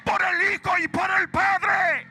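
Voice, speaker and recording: A man preaching a sermon in a church, calling out to the congregation and shouting key lines. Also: very high voice, little pitch movement, takes it slowly, soft background music. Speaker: pastor. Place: church sanctuary.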